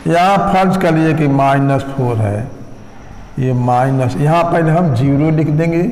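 A male school maths teacher giving a slow, step-by-step classroom lecture, mixing in English terms. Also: fairly high pitch, darkish tone, slight background noise. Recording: echoey room with long reverb.

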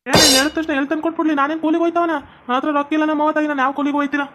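A woman's voice: sits high, level tone, racing, over loud music, lightly acted. A woman playing a broke young village husband who whines and pleads, with a North Karnataka Kannada accent. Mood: grumbling. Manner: whiny pleading.

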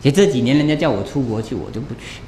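A man's voice: medium pitch, lively intonation, rapid-fire, dark tone, a little hiss or hum. A man, a Buddhist monk, giving a conversational dharma lecture, talking in a chatty way and often tossing rhetorical questions to his listeners.

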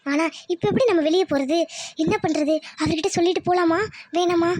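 A woman's voice: extremely high pitch, fairly even intonation, fairly quick, darkish tone, no room sound. A woman voicing a suspicious young daughter-in-law in a cartoon, musing and questioning to herself. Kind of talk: cartoon voice acting.

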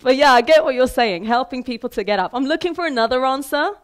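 A woman in her thirties, originally from Iran and raised in Sweden, giving a lively, conversational motivational talk from a theater stage and asking the audience questions. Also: high voice, quick pace. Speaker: keynote speaker. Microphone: headset mic.

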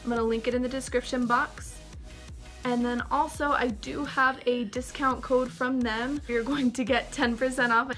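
A woman's voice: a little high, fairly even intonation, normal speed, fairly bright tone, faint music behind. A young woman with a Valley girl accent, chatting casually and upbeat to her vlog viewers, full of likes and ums. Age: young adult. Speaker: vlogger.

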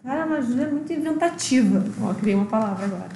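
A woman's voice: high-pitched, mellow, reverberant, slight background noise, rough recording. A woman co-hosting a game livestream as a mother, reading viewer comments aloud with playful banter. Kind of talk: casual live-stream chat.

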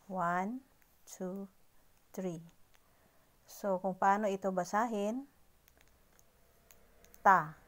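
A woman's voice: fairly low pitch, a little mellow. A woman teaching simple Chinese characters. She counts the strokes aloud, repeats each word several times and mixes English into her explanations. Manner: polite greeting words, mixes English into Tagalog. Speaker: language teacher. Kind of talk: slow lesson on writing Chinese characters.

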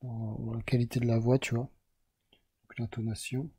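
A man's voice: mid-range voice, flat delivery, normal speed, dark tone, breathy edge. A French man explaining casually to the viewer as he draws a chart, rambling and correcting himself along the way. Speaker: self-help video host. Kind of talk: casual explanatory monologue while drawing a chart.

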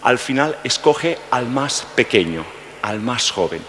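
A man's voice: mid-range voice, expressive, a bit bright. A middle-aged man talking as a priest at Mass, taking his time and dropping in little "¿eh?" checks. He speaks into a headset mic, and the church gives his voice a long tail of reverb. A faint hum runs underneath. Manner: unhurried, explanatory, with frequent "¿eh?" asides. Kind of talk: slow homily introduction at Mass. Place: large church.

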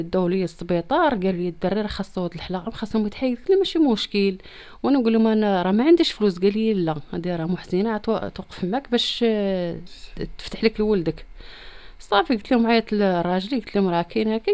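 Fast-talking Moroccan woman, plaintive. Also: mid-range voice, expressive, mellow, clear, resonant tone. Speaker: interviewee appealing for help. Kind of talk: personal plea in a street-press interview. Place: small room at home. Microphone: handheld reporter's microphone close to the mouth.

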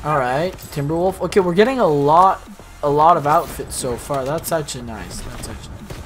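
A young man giving casual, slangy commentary while opening loot in a video game, excitable and rambling. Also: on the high side, fairly quick, soft background music. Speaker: gaming YouTuber.

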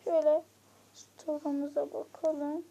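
High-voiced woman chatting through gameplay. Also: level tone, dark tone. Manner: chatty, talks straight to viewers, quickly frustrated. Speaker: gaming YouTuber. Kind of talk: casual let's-play commentary.

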